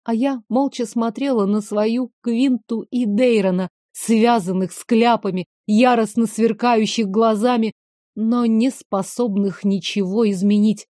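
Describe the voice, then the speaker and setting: A woman's voice: on the high side, steady tone, a little slow, mellow, no echo. A woman narrating a first-person fantasy audiobook in a dramatic, emotive reading, recorded on a close mic.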